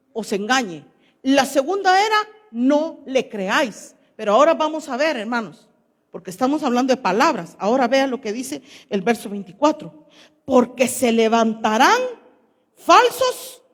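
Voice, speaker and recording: A woman pastor preaching a sermon to her congregation, questioning them and reading scripture aloud. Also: sits high. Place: church. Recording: long church hall reverb.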